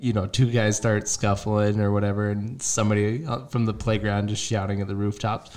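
A man chatting casually, telling animated stories and laughing often. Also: on the low side, a little fast. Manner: laughs often, animated storytelling with loud acted shouts. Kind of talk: casual chat.

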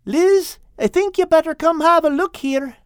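A man's voice: very high voice, moderate pace, no echo, clean studio sound, voice pushed up. A man voicing a good-natured, ever-hungry male furry animal with a put-on lilt. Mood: earnest.

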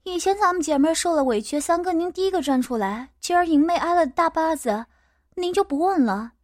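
A woman's voice: very high voice, animated, a little fast, no room sound, studio quality, voice pushed up. A woman voicing a fiery young woman who speaks up indignantly, as a character in an audiobook. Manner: indignant and pleading.

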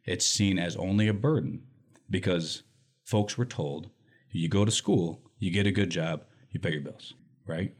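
His voice is deep, husky and unhurried. He's a nonprofit executive director from Michigan, a guest answering interview questions with earnest emphasis. He habitually caps his points with "right?".

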